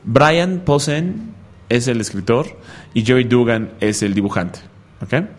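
Joking radio host, chatty. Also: male voice, mid-range voice, unhurried. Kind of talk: casual radio chat.

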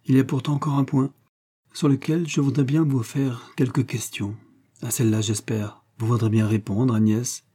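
A man's voice: medium pitch, flat delivery, normal speed, dark tone, breathy edge, natural voice. A man reading aloud as an earnest, lovesick colonel, speaking with passion and gravity. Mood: tender. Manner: passionate, grave.

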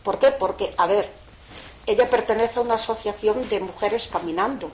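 A woman's voice: mid-range voice, normal speed. Older woman chatting, colloquial storytelling with fillers, roomy echo and faint hiss behind. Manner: colloquial, lively retelling with frequent fillers. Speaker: interviewee, mother of a prisoner. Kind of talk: casual storytelling. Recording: echoey room, faint background noise.

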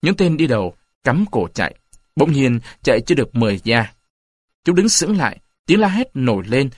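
A man narrating a story aloud in an expressive reading style. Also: medium pitch, normal speed, no echo. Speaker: audiobook narrator.

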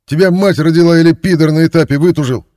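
A man voicing a brash, streetwise male thief in prison who talks loud and demanding. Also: fairly low pitch, normal speed, voice pushed up, natural voice. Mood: yelling.

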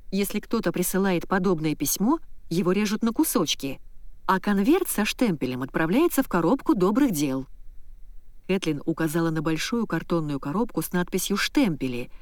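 A woman narrating an audiobook in the first person, in a wry, lively storytelling manner. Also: lowish voice, moderate pace, no echo.

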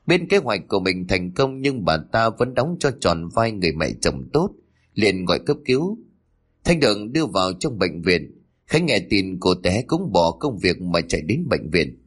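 A man's voice: low voice, sing-song, normal speed, husky. A man narrating a dramatic family story in scripted storytelling.

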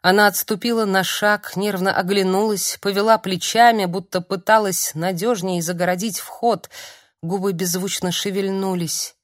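A woman narrating an audiobook in a calm, measured reading. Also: mid-range voice, no room sound, clean studio sound. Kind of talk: scripted narration.

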